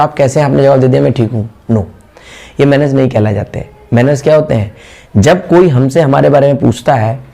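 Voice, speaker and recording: A man's voice: on the high side, darkish tone. A man with an Indian accent, a spoken English teacher, explains patiently and keeps repeating English phrases so they sink in. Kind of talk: classroom explanation.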